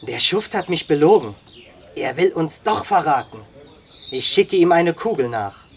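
A reader voicing Dick Stone, a gruff frontiersman who grumbles in clipped sentences. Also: mid-range voice, lively intonation, measured pace. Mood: angry.

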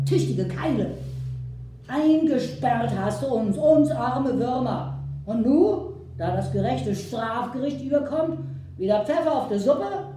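A woman voicing a furious, sharp-tongued older woman, scolding shrilly, recorded far from the mic in an echoey room. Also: noisy background. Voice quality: shrill, scolding, dialect-tinged.

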